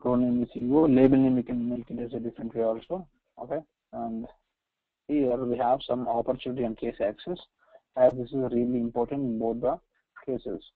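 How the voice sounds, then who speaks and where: A software trainer with an Indian accent walks through a screen-share tutorial step by step, his mid-range voice keeping a steady tone. He's halting and repetitive, constantly checking in with "right" and "okay." The recording has a roomy echo and a slightly dull lo-fi quality.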